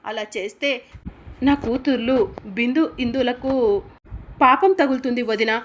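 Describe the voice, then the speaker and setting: A woman's voice: high-pitched, normal speed, slight background noise, lightly acted. A woman reading the lines of an earnest mother who pleads for fairness in a serial recap. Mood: pleading.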